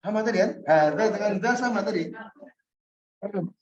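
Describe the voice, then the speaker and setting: A man's voice: sits high, moderate pace, darkish tone. Man teaching Arabic in a roomy, muffled recording. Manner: explains step by step, checks with students, chuckles. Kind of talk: online class lesson.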